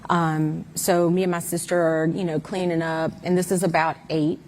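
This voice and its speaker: A woman's voice: lowish voice, little pitch movement, moderate pace, darkish tone, slight background noise. A mother giving an interview guest's candid, emphatic account of events, with many fillers.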